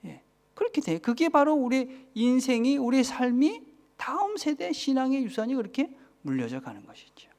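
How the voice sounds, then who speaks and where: A man's voice: extremely high pitch, very animated, moderate pace, a little mellow. A man in his forties with a Busan accent, a pastor preaching a sermon, often asking the congregation for agreement and dropping to a whisper for emphasis. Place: church.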